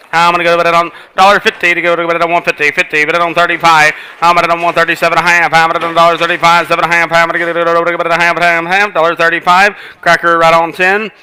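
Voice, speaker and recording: A man auctioneer rattles off bids in a rolling, rhythmic chant, repeating numbers at a rapid clip. His voice is bright and crisp, sitting a little high, and his pitch stays flat and level throughout the chant. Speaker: livestock auctioneer.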